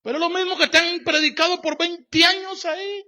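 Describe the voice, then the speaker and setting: A man preaching a sermon as pastor, emphatic and repetitive, swinging between loud declarations and quiet asides, speaking straight to the congregation with rhetorical questions. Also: very high-pitched, steady tone, a little fast. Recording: dull lo-fi church sermon recording.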